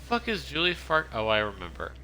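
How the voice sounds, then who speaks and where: A man's voice: medium pitch, wildly swooping pitch, a little fast, sharp tone, slight background noise. A man streaming a game, chatting casually and rambling as he plays, often stopping and restarting his sentences. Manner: rambling, self-interrupting, chatty. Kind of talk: casual gameplay commentary.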